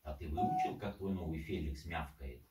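Low-voiced man in an echoey room. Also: normal speed, very noisy. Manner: teasing, coaxing. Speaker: parrot owner. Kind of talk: casual chat with a pet. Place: indoor room, off camera. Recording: echoey room, distant microphone.

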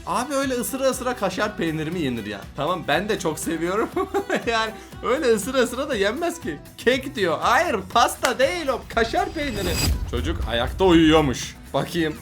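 A man's voice: sits high, very animated, moderate pace, hardly any pauses, a bit bright, soft background music. A man giving casual, playful reaction commentary on funny kid videos, often laughing and teasing the children he watches.

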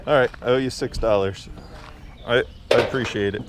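A man's voice: medium pitch, steady tone, moderate pace. A man vlogging while shopping at an outdoor flea market, chatting easygoingly and haggling with sellers, recorded on a body-worn camera. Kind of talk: casual chat while bargaining. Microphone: body-worn action camera. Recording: outdoor noise behind voice.

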